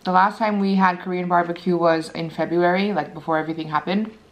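A woman's voice: lowish voice, fairly even intonation, fast talker, low-quality recording. A woman in her thirties chatting casually between bites as she crunches chips and chews, like a mukbang vlogger in a living room. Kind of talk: casual chat while eating.

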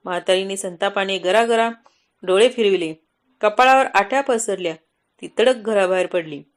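A woman's voice: mid-range voice, normal speed. Woman narrating a devotional folk tale. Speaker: storyteller.

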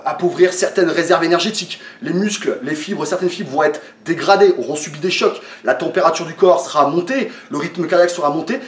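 A man's voice: a little high, recorded from a distance. A man from France explaining a workout to camera in a casual, hesitant way, with many fillers and restarts, a little tired. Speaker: fitness vlogger. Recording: echoey room, voice away from the mic.

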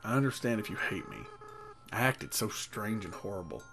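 A crybaby goat-monster boy from a video game, read aloud by a man, gentle and full of regret. His words come soft and pleading, yet the pitch rises and falls with feeling. Video game music plays clearly underneath. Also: expressive, moderate pace. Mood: remorseful. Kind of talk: reading game dialogue aloud. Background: game soundtrack music.

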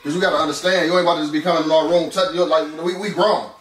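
A man's voice: on the high side, steady tone, racing, a bit bright. An American man in his thirties in casual family banter, often repeating words as he starts, recorded in a bedroom from across the room. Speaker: father in a family prank video. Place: bedroom, indoors. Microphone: camera across the room. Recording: roomy, distant camera, clear background noise.

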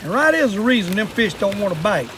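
Speaking fast and very animatedly, an older man with a Southern US accent, 60s or above, demonstrates fishing and fish cleaning hands-on and casually outdoors. His voice sits high with a fairly bright tone, and he talks like a plainspoken old fisherman. He's at a table in a wooded yard, with slight background noise.

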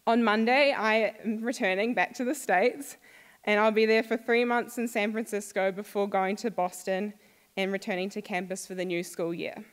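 Young New Zealand woman, former student, upbeat speaker, mid pitch, reverberant hall. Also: fairly even intonation, moderate pace. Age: young adult. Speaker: alumna speaker. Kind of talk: prepared talk to an audience. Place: school hall.

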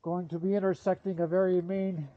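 A man's voice: sits high, flat delivery, fairly quick, narrow, tinny audio. A man narrating to himself while skiing through a snowy forest, filmed on a pole-mounted action camera, with breathless running commentary and cursing at branches. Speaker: backcountry skier filming himself.

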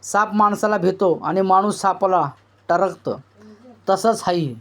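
A level-headed village rebel speaks in rustic dialect, voiced by a male narrator of a novel. The voice sits fairly high in a plain storybook reading tone. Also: unhurried. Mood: steady.

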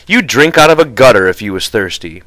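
A man voicing a small, sharp, irritable itinerant ranch hand who scolds in folksy rural slang. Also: mid-range voice, big pitch swings, a little fast, dry recording. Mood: grudging.

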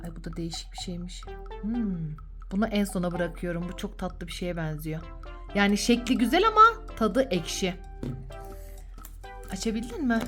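A woman's voice: on the low side, sing-song, moderate pace, pauses often, fairly bright tone, soft background music. A woman hosting a children's vlog as a mother, chatting playfully and coaxing with sing-song questions. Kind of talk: playful casual chat with a child and viewers.

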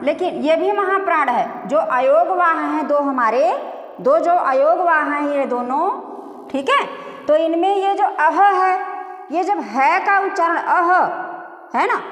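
Brief: middle-aged woman teacher, very high voice, repetitive classroom questioning, roomy reverb. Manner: repetitive, asks and answers own questions; drawn-out demonstration vowel sounds. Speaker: Hindi grammar teacher. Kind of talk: classroom-style lesson. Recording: echoey room reverb.

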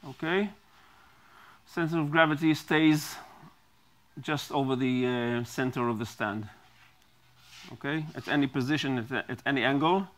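Recorded close on a lapel mic in a small studio, a middle-aged man with an ordinary mid-range pitch and a slightly bright sound leads a product demonstration. He moves slowly and deliberately, halting often with ums and restarting his phrases.

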